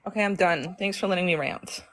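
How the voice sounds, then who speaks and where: Her voice lowish, a little bright and fairly quick, a woman in her thirties who grew up in Denmark rants passionately after calling into a live stream. She speaks in emphatic bursts, clearly fed up.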